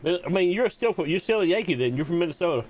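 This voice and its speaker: A male streamer talks casually over his game, ribbing his friends and cursing as he jokes. His voice sits a little above the usual male pitch. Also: expressive, fast, a little mellow. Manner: joking, teasing banter with swearing. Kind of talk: casual gaming stream chat.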